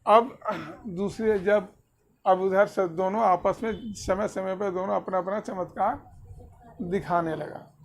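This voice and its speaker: Unhurried guy telling kids a story on a video call, keeps asking them questions. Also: sits high, fairly even intonation, slight background noise. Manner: quizzes listeners mid-story; mixes simple English with Hindi. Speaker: storyteller teaching children. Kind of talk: spiritual story told to children.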